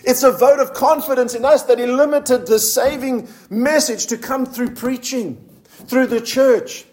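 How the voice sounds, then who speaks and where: A male preacher giving a sermon. He asks the congregation questions and drops low and slow when he reads scripture aloud. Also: steady tone, darkish tone. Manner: slows down to read scripture in a low, solemn voice.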